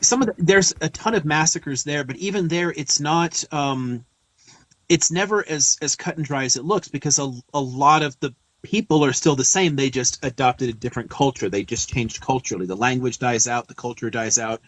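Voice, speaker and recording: A man's voice: medium pitch, moderate pace, a bit bright, no echo, rough recording. A man hosting a live stream, explaining history in a thoughtful, digressive way with many fillers. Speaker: host. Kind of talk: casual lecture on a live stream.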